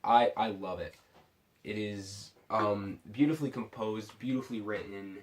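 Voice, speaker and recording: A tipsy man giving a casual, unscripted movie review in a rambling, halting way, often restarting his sentences. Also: lowish voice, slight background noise. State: tipsy from drinking sake. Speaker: film reviewer.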